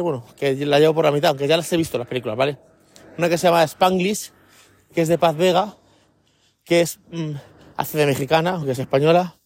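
A man's voice: on the high side, darkish tone, no room sound. A man with a slightly raised voice talks through a casual solo podcast monologue. He rambles from point to point and keeps checking in with his listeners. The sound is close and dry, recorded while he walks outdoors. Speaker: podcast host.

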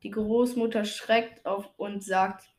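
A woman's voice: mid-range voice, steady tone, slow, a little hiss or hum. A woman reading jokes aloud carefully, with small restarts. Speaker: co-host telling jokes.

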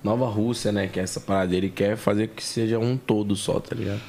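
Slangy podcast host. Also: male voice, lowish voice, fairly even intonation, quick pace, a little mellow. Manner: slangy, hesitant questions. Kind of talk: casual podcast interviewing.

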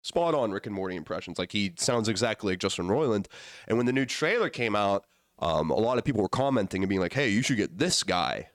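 A man hosting a podcast with playful, casual hype, his voice wheezy and hoarse from being sick. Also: on the low side, animated, quick pace, no room sound, studio quality. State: sick, voice partly gone. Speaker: podcast host.

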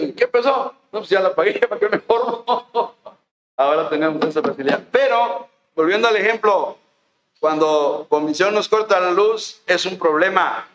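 High-voiced Mexican pastor preaching. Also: male voice, a bit bright, reverberant, low-quality recording. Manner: folksy, conversational preaching with rhetorical questions. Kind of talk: sermon. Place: church.

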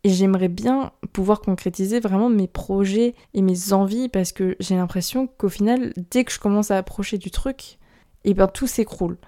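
A young woman hosting her own podcast, talking candidly in a rambling, quick way and laughing nervously now and then. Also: mid-range voice, warm tone. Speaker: podcast host. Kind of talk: personal solo podcast talk.

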